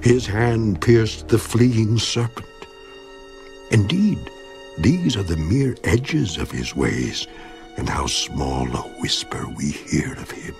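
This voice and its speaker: Slow and sing-song, with a lowish, exaggerated voice and music behind him, a man portrays Job in a dramatized Bible reading. He renders the aged, suffering yet steadfast figure with solemn, declamatory delivery, his emphasis rising and falling.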